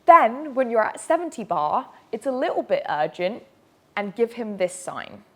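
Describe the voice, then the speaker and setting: A woman's voice: a little high, big pitch swings, moderate pace, sharp tone. A woman presenting an instructional safety briefing, explaining directly with emphasis and reassurance. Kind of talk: instructional video narration.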